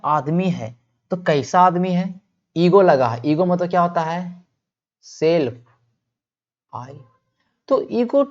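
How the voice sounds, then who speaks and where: The dull audio captures a man's high, slightly mellow voice as he gives a vocabulary lesson online. He answers his own questions and slows words down deliberately so people can say them back.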